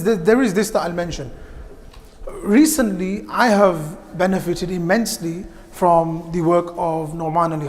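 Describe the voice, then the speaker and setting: A man gives a lively, direct youth talk in a mosque, putting questions straight to his listeners. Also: high-pitched. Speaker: youth programme speaker. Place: mosque hall. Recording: long hall reverb.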